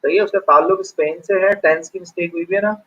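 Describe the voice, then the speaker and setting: A male teacher from Pakistan giving an online grammar lecture, explaining in Hindi-Urdu and reading examples slowly. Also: high-pitched, steady tone, fairly bright tone, slightly rough. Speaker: English teacher. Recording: dull lo-fi online class audio.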